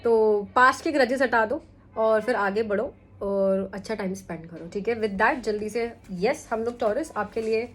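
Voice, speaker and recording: In a relaxed weekly tarot reading, a young woman talks at normal speed in a fairly bright voice on the high side. She's chatty, drops English words into her Hindi, and repeatedly checks in with the listener by asking "ठीक है?".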